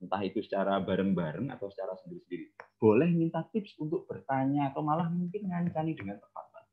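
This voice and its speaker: A man's voice: medium pitch, fast talker. A man hosting an online talk, chatty and always checking for agreement with his guest. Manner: chatty, keeps seeking agreement with tag questions. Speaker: webinar host and moderator. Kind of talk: online talk-show moderating. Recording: muffled lo-fi audio.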